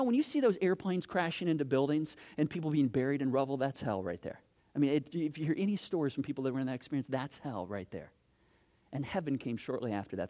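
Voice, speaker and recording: A man preaching a sermon as pastor in a church, animated, asking many rhetorical questions and swinging from loud to hushed. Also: mid-range voice.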